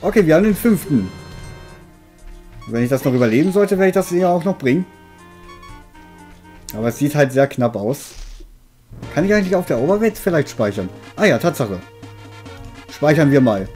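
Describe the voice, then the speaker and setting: A man's voice: on the high side, sing-song, moderate pace, pauses often, a little mellow. A man giving casual game commentary as a let's player, with a dry, mildly grumbling manner. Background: game music.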